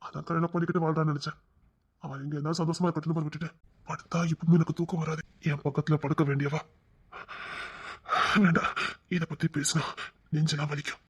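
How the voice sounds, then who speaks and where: A man voicing a grieving, heartbroken man who speaks quietly and haltingly in an audio drama. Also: fairly high pitch, level tone, husky, dull audio. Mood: sorrowful. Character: grieving middle-aged man, soft and heartbroken.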